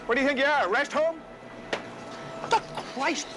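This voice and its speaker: A man's voice: very high voice, normal speed, very noisy. An actor playing a harsh, contemptuous male factory foreman who insults the workers. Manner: abrasive, insulting, barking orders.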